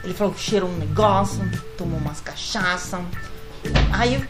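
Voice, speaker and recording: A woman's voice: fairly low pitch, moderate pace. A woman with a Brazilian Portuguese accent telling a story in casual chat among friends, laughing often and acting out quotes. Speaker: podcast storyteller. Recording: echoey room with loud music behind.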